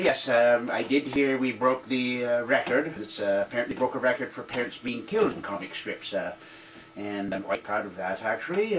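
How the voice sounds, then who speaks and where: A man playing an awkward, rambling veteran newspaper cartoonist, halting and correcting himself in a mock newsreel interview. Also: lowish voice, lightly acted. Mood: proud, rambling. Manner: halting, doddering, self-correcting. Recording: distant, faintly noisy interview recording.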